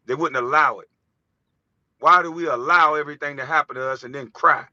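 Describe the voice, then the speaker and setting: Heated, bright-voiced man on a rant. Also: a little high, fairly quick, dry recording. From United States. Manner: heated, ranting, profane, preachy. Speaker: vlogger. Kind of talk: impassioned monologue. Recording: dull, dry lo-fi recording.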